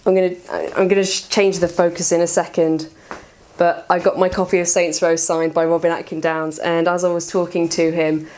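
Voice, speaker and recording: Hoarse, excitable woman vlogger. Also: fairly low pitch, a little fast. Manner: rambling, excitable, swears freely, laughs often. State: hoarse, tired voice. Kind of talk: casual chat.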